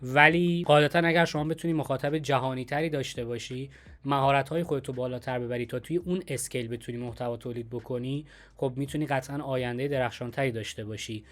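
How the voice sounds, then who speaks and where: A man speaking as the host of a conversational interview. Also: medium pitch.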